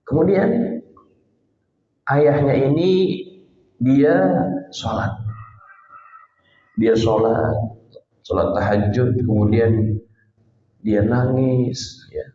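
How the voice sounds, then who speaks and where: Casting note: male preacher, slow storyteller who speaks directly to the listeners, echoey, slightly dull recording. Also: mid-range voice, warm tone, a little hiss or hum. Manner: addresses congregation directly, dramatic pauses. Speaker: Islamic preacher. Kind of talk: storytelling sermon. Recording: roomy, slightly muffled hall recording.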